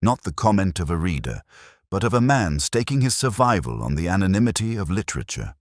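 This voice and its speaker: A man playing a middle-aged, greying, sharp-witted police inspector, narrating a detective audio drama in a measured, literary, melancholy manner. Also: low-pitched, very animated, no room sound, studio quality. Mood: quietly pensive.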